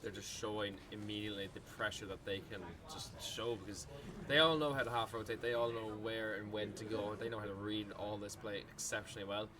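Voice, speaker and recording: A man with an Irish accent doing relaxed, analytical esports co-commentary at a live event. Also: on the low side, fairly quick. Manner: relaxed analytical color commentary, admits slips. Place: gaming arena venue. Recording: loud crowd behind at a live event.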